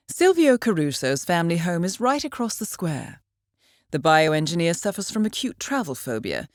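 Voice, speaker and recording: Voicing a coolly professional handler who briefs an assassin in a video game, an actress speaks in a composed, formal manner with dry understatement. Her female voice is fairly low in pitch, and the recording is dry.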